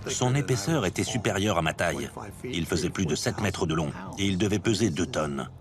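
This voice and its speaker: A man's voice: low-pitched, animated, brisk, loud music behind the voice. A man telling a first-person story as a documentary interviewee. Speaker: interviewee, shark attack survivor.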